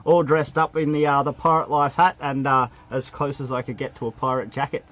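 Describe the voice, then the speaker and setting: An Australian man co-hosting a sports talk show, playful and quick with quips. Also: mid-range voice, flat delivery, a bit bright. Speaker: co-host. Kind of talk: casual live show banter.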